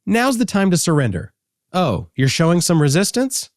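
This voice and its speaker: A man's voice: fairly high pitch, huge pitch swings, moderate pace, dry recording, clean studio sound, pitched above the performer's own voice. A man voicing a menacing pirate crew in a playful mock-threatening way. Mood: mock menace. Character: taunting pirate crew, adult men, menacing.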